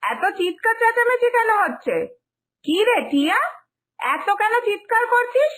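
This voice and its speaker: A woman voicing a stern middle-aged mother-in-law who scolds slowly in a lowered voice, for a cartoon story. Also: big pitch swings, a bit bright, exaggerated voice. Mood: scolding.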